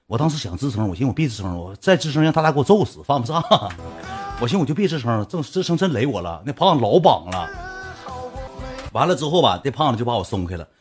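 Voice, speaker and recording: A young man with a Northeastern Mandarin accent telling a personal anecdote casually, swinging from low mumbles to high excited bursts. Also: fast, soft background music. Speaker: storyteller.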